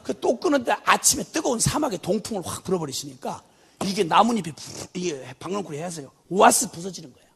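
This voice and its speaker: A man preaching a sermon as a missionary, telling a story with lively acted-out voices, bursts of shouting and laughter. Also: high-pitched, fast, vocal fry, breathy edge.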